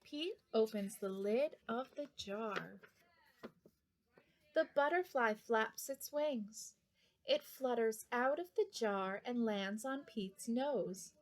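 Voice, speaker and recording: A woman's voice: fairly high pitch, takes it slowly. A woman reading a picture book aloud for young children, addressing her young listeners directly. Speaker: children's storybook reader.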